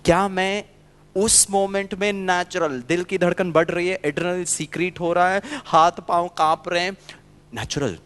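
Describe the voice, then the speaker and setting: A man's voice: high-pitched, level tone, normal speed, fairly bright tone, smooth, in a large hall. A man giving a motivational spiritual talk. He tells stories animatedly, acts out prayers and dialogues, and repeats key words for emphasis. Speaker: spiritual speaker.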